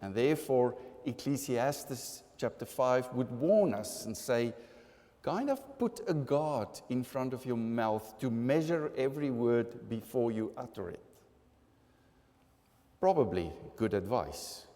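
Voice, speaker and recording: A man preaches in a large sanctuary, his mellow, darker voice carrying a long reverb tail. He speaks slowly and deliberately, earnest with occasional humorous asides. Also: medium pitch, lively intonation. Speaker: pastor. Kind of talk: sermon.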